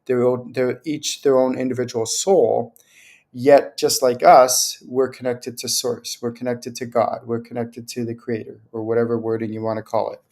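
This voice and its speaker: A man's voice: mid-range voice, level tone, normal speed, a little mellow. A man hosting a spiritual question-and-answer livestream, explaining in a loose, rambling way and acting out little anecdotes. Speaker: spiritual teacher hosting a Q&A show. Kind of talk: casual livestream talk.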